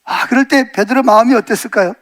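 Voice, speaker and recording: A middle-aged male pastor preaching a sermon, retelling a story with lively acted quotes and frequent questions to the congregation. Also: very high voice, quick pace.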